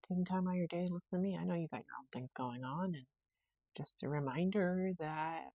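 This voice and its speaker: A woman's voice: sits low, no echo, muffled recording. A woman hosting her own podcast in a casual, rambling solo chat, thinking aloud as she works through a problem. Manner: rambling, self-talk while fixing things, quotes herself; frequent fillers and restarts, laughs easily. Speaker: podcast host.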